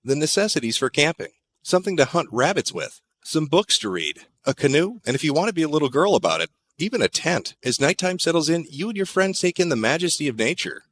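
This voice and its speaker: A man's voice: a little high, very animated, a little fast, fairly bright tone. A man narrating a campfire horror tale in second person, dry and sardonic, with crude joking asides.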